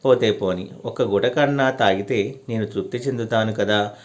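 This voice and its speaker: A man's voice: on the low side, moderate pace, close to an everyday voice. A man voicing a little girl who coaxes and pleads with a deity in a devotional story. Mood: begging. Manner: pleading, coaxing.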